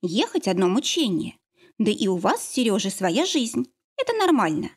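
A woman's voice: mid-range voice, big pitch swings, moderate pace, slightly rough. A woman voicing a worried, loving middle-aged mother in an audiobook, speaking in a fussing, soothing way. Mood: tender. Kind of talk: audiobook character reading.

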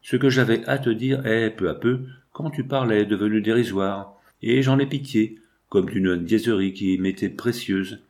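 A wounded, reproachful young woman from an old novel, as a male reader puts her on. She sounds pleading, then bitter, in a fairly low voice that dips deeper on her sadder words. The delivery stays close to a plain reading voice. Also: moderate pace, darkish tone, natural voice.

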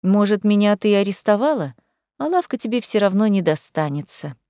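Lady doing a mocking young witch, wry and sharp, dry sound. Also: medium pitch, very animated, fairly quick, dry recording, lightly acted.

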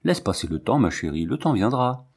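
Man voicing loyal young sweetheart, tender, reassuring, low voice, storybook. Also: big pitch swings, fairly quick, slightly rough, heavily acted. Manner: gentle, reassuring.

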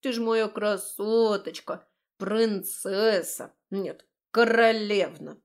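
A woman's voice: medium pitch, normal speed, lightly acted. A woman voicing a cheeky, playful male chinchilla-like familiar in an audiobook, teasing and snorting with laughter. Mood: fussing. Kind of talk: audiobook character voice.

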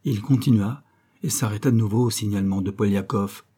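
Husky-voiced male audiobook narrator. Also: lowish voice, fairly quick, mellow.

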